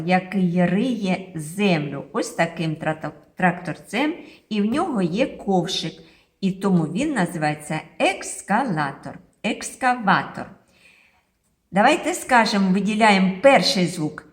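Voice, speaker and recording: A woman teaching a phonics lesson to small children, drawing out the sounds in a slow singsong way. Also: medium pitch. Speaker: kindergarten teacher. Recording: very echoey room.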